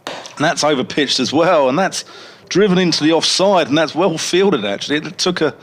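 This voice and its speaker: A man's voice: on the high side, expressive, moderate pace. A man commentating on cricket, chatting and joking between deliveries in a rambling way. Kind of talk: radio cricket commentary with chat.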